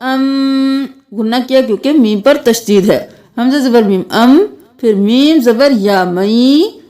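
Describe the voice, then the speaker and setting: A woman teaching Quran recitation, chanting verses melodically and explaining the rules. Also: warm tone. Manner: slow melodic recitation alternating with quick lower explanations. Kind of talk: tajweed lesson, slow recitation with explanations.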